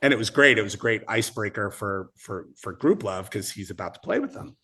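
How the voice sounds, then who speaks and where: A man who is a guest musician tells an animated story, excited and profane, often laughing as he talks. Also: fairly low pitch, fairly quick, slightly rough.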